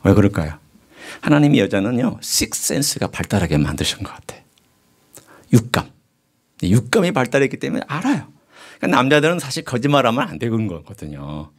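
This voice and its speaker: A middle-aged male pastor preaching a sermon, moving between hushed, whispered passages and raised, emphatic exclamations. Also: medium pitch, big pitch swings, fairly quick.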